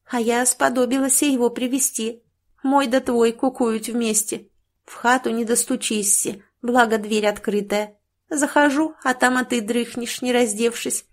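High teasing village milkmaid in a southern russian dialect, a woman reading her, mocking and drawn out.

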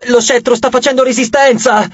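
A man's voice: extremely high pitch, fairly even intonation, moderate pace, breathy edge, no echo, muffled recording, pitched above the performer's own voice, heavily acted. A man voicing an anxious teenage boy who speaks in urgent, shaken bursts. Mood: strained. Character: anxious teenage boy, son of the underworld god.

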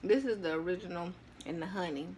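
A woman vlogger chatting casually to her viewers while eating, her mouth full and chewing, relaxed and drawling, close to the mic at home. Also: fairly low pitch, fast, slight background noise. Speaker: mukbang vlogger.

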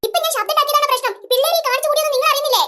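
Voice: extremely high pitch, racing, sharp tone. A performer voicing a nagging mother in a comic family skit, scolding her children late at night. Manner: bossy, nagging.

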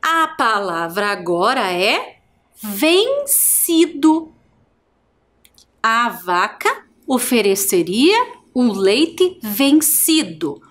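A woman with a Brazilian Portuguese accent teaches a televised primary school class. She dictates in a slow, drawn-out way, stretching each word syllable by syllable. Her pitch swings widely as she asks the children questions. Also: sing-song, fairly bright tone.

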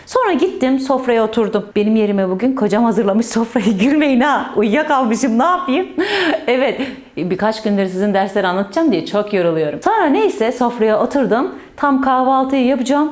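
A woman's voice: fairly high pitch, a little mellow, echoey room. A woman teaching children in a playful storytelling way, joking with the pupils and stressing words in a sing-song manner. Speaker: primary school teacher.

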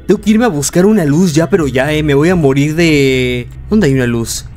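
A man's voice: a little high, moderate pace. Panicky young man doing horror gameplay. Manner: jumpy, yelps and shouts in panic, then mutters. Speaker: gameplay streamer.

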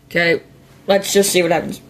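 A man's voice: high voice, little pitch movement, fairly quick, a bit bright, slight background noise. A young man hosting a gaming video, chatting casually about the game, easily puzzled and laughing along. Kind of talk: casual gameplay commentary.

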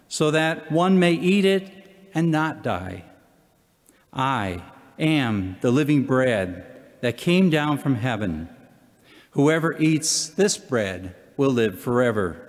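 An older man, a deacon speaking from the lectern in a measured, solemn way as he reads and preaches. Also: mid-range voice. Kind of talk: scripture reading and homily. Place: large church, at the lectern. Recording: long church hall reverb.

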